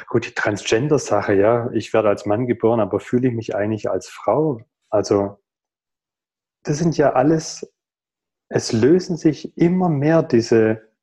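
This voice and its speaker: Man in his thirties on a video call, mellow and warm, thoughtful and earnest delivery with pauses. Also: medium pitch. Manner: thoughtful, earnest, rhetorical questions, many pauses. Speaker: guest in a video call conversation. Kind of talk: reflective conversational explanation. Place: home room.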